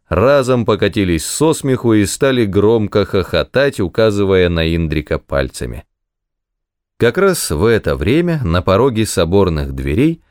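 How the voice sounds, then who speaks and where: A man narrating a historical story in a measured, expressive reading. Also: low voice, dry recording, studio quality.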